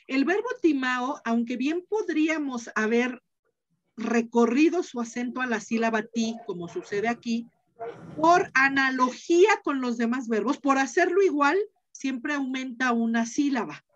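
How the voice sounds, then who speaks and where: Woman teacher, patient step-by-step explainer who repeats key points; slightly high voice, dull lo-fi call audio. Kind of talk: online class lecture.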